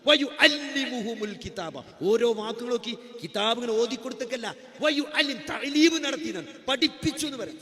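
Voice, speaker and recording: A man's voice: extremely high pitch, fairly quick, hardly any pauses, fairly bright tone, big-room sound. A man preaching a sermon, impassioned, repeating phrases and asking rhetorical questions. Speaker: Islamic preacher.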